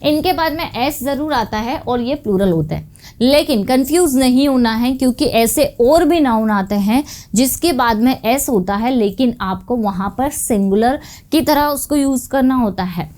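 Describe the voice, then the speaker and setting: High-voiced woman teaching English. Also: lively intonation, darkish tone. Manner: explains patiently, checks understanding with "clear?"; reads example sentences slowly and deliberately. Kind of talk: spoken English lesson.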